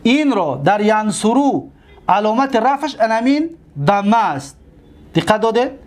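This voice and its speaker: Male teacher, higher register, methodical and repetitive classroom delivery. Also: expressive. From Tajikistan. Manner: explains step by step, repeats terms, asks students questions. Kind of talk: classroom grammar lesson.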